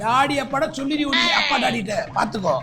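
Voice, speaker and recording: A man's voice: very high-pitched, lively intonation, fast. A man playing a cheeky, greedy ten-year-old boy in a comedy sketch, whining and teasing while he keeps calling for his mommy. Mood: whiny, cheeky. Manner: whiny, teasing, repeats "mommy". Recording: loud background music. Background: loud music.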